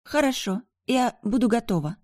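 A petulant young woman , as the audiobook reader puts her on, speaks high and loud, demanding and whiny. She sounds indignant and pleading. The recording is close and dry. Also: expressive, moderate pace, no room sound, natural voice. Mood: calm. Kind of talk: audiobook dialogue.

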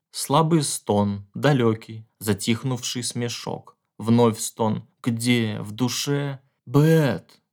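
A man's voice: lowish voice, darkish tone. Man narrating a tense horror audiobook. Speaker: audiobook reader.

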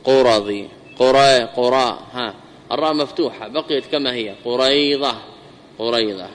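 A man giving a classroom grammar lesson, repeating examples slowly and putting questions to his students. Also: mid-range voice, a little hiss or hum. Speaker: teacher explaining grammar. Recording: long reverb hall.

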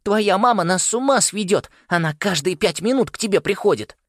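Felix, a squeaky grumpy mouse. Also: male voice, animated, brisk, dry recording, clean studio sound. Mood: complaining. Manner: squeaky, cranky, fussing. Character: grumpy little male mouse.

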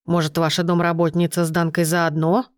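A fussy, shrewd old grandmother who scolds and advises, as voiced by a woman narrator. The voice is fairly low and dry, close to the mic. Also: level tone, fairly quick, dry recording, lightly acted. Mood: bossy.

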